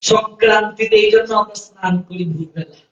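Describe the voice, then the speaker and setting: A man's voice: high voice, steady tone, fairly quick. A man from Bangladesh, a scripture reader telling a story in a dramatic sermon and acting out its characters. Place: festival ground in a tea estate. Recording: echoey, distant, dull festival sound.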